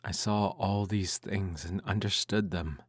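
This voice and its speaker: In an ASMR role-play, a man reads a bedtime story in a hushed, intimate voice that drifts into soft speech. His voice is low-pitched with fairly even intonation, the pace a little slow, and there's no echo.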